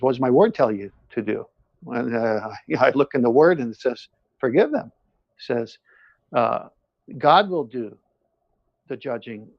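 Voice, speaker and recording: Heard on a muffled recording with no echo, a man with a gravelly, mid-range voice chats at length, giving personal testimony and views. Born in Iran, he came to the United States at age seven, and he speaks earnestly and emphatically, frequently circling back to the same phrases.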